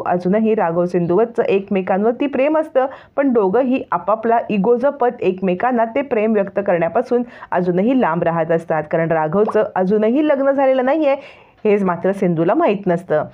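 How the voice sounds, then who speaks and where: A woman narrating and retelling the plot of a serial in a steady storytelling manner. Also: mid-range voice. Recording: tinny phone-like sound.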